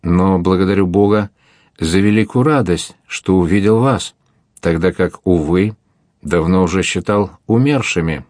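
A fierce, anguished young captain, as a man reads him aloud pours out his words in an impassioned, declamatory way. The voice sits very low and the sound is dry and close, like an audiobook. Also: a little slow, darkish tone, no echo. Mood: resolute. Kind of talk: audiobook character reading.

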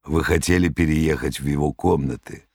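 A man's voice: rumbling low, normal speed, creaky, breathy edge, no echo, clean studio sound, exaggerated voice. A man voicing a nasal, menacing male demon henchman in an audiobook. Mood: interrogating. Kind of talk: audiobook reading.

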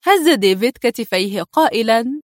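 A woman narrating a thriller audiobook in a dramatic, expressive reading style. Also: a little high, a little fast, no echo, clean studio sound.

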